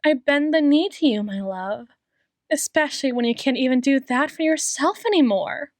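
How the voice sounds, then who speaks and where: In an ASMR roleplay, a woman plays an obsessive, possessive female doctor who is adoring and sweetly menacing. Her delivery is coaxing and theatrical, with lingering pauses. Her voice sits high and sounds natural, with no echo.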